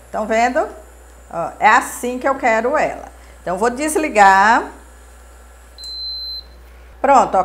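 A high-pitched woman in her forties hosts a cooking show from a home kitchen, teaching step by step in a patient, repetitive way.

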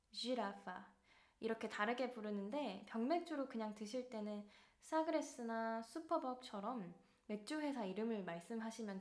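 Korean-speaking woman teaching travel phrases. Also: a little high. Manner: explains warmly, then repeats each phrase slowly. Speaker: language teacher. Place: in Porto, Portugal.

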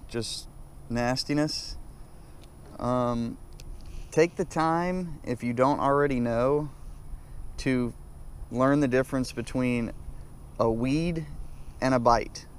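A young fishing vlogger from South Carolina gives casual, chatty commentary to viewers while kayak fishing on a lake. He speaks slowly at a medium pitch with long pauses, recorded on a head-mounted action camera that picks up faint outdoor noise.

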